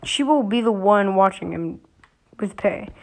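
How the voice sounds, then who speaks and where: Woman vlogger reading a post aloud, casual and stumbling, mid-pitched. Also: lively intonation, measured pace, low-quality recording. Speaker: YouTuber reading Reddit posts.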